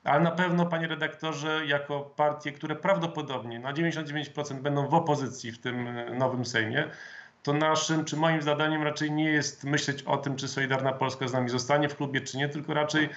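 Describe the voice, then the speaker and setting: A man's voice: on the high side, steady tone, fairly bright tone. Formal male politician on a video call. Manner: measured, formal, hesitant fillers. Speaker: member of parliament, guest. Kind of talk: political interview. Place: home office with flag, indoors. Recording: dull lo-fi video call audio.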